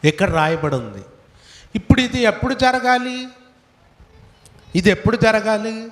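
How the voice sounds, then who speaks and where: A man's voice: sits high, lively intonation, a little slow, fairly bright tone. A male pastor preaching a sermon, from India, firing rhetorical questions at his congregation. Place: church hall. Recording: echoey hall, voice from far off.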